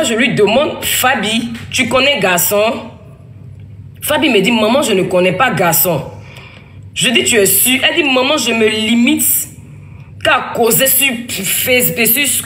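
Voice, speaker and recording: A woman's voice: medium pitch, a bit bright. Woman, 30s, emphatic, rambling, quotes others, echoey room, faint background noise. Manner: rambling, emphatic, with frequent restarts and quoted dialogue. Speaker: mother telling her story. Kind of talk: casual spoken testimony.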